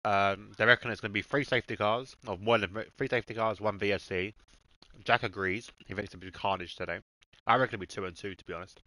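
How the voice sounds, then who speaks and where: A man's voice: on the low side, steady tone, fast, bright, forceful tone, rough recording. A man streaming a racing game, chatting casually and swearing freely while he eats. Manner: laid-back, swears freely, talks to his dog and chat.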